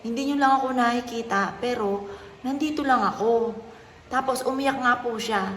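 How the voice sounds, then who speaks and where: A woman, a mother telling a personal story in a soft, earnest, polite way. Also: a little high, normal speed. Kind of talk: casual vlog talk. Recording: echoey room with faint noise.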